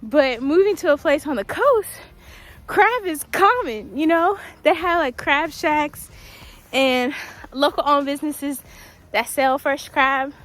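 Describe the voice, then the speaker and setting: Young woman vlogging on a winter trail, kinda breathy from walking, chatty w lots of ums, a bit high voiced. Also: animated, slow pace, a bit bright. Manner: chatty, laughs often, many ums. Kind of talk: casual talk while walking outdoors. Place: outdoors on a quiet wooded trail in winter.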